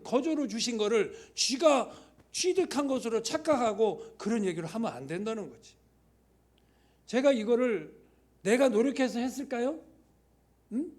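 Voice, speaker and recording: Animated high-voiced man preaching. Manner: conversational preaching with rhetorical questions and sudden hushed whispers. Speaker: church elder preaching. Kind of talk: sermon. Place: church sanctuary.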